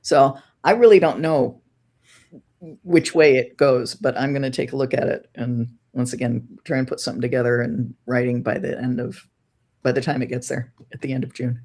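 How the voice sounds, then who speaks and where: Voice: medium pitch, steady tone, moderate pace, a little mellow. An astrology show co-host explaining ideas thoughtfully in casual conversation, weighing both sides.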